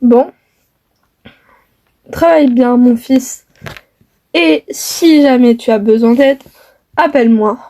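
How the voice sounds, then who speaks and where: Brief: kind quiet father, woman voicing, calm gentle advice, high voice. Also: takes it slowly, pauses often. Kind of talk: homemade family skit.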